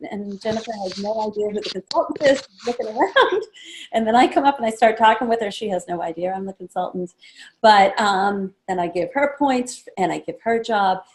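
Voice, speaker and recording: A woman running a sales training session, casual and chatty, acting out guest conversations in a livelier voice. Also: slight background noise. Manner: acts out guest chats in a lively higher voice; casual, chatty, many fillers. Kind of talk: training talk to a small group.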